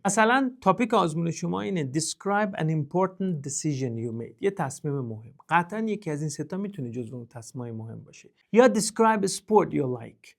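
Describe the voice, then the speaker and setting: A male English teacher, explaining vocabulary step by step and switching to slow, careful English examples. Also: on the high side, vocal fry. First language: Persian. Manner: demonstrates pronunciation with puffs of air. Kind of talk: spoken language lesson.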